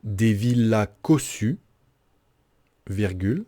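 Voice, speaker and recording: Man dictating very slowly, mellow voice. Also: lowish voice, animated. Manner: deliberate, carefully articulated, repeating each phrase. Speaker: teacher giving a dictation. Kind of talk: dictating slowly, phrase by phrase with punctuation spoken.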